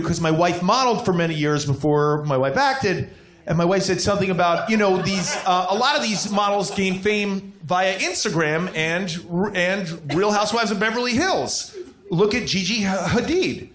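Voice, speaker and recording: A man's voice: sits high, expressive, normal speed. Rambling man on a live stage. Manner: rambling, self-deprecating, lots of fillers. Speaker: podcast guest. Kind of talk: casual chat before a live audience. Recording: roomy live venue with loud crowd.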